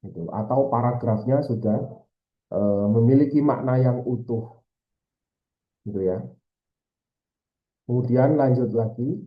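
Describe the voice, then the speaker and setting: A man with an Indonesian accent talks students through exam tips in a loose, hesitant way, often pausing on fillers. His mid-pitched voice sounds a bit dull and sits in a roomy, echoing space. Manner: hesitant, many fillers and repeated tags. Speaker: Arabic language tutor. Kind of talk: informal exam-prep lesson.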